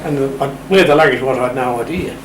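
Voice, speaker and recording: Speaking quickly in a medium-pitched voice, an older Australian man offers a casual anecdote while being interviewed. He keeps it wry, playful and understated. The recording, made in a radio shack room, has a distant mic, roomy acoustics and clear background noise.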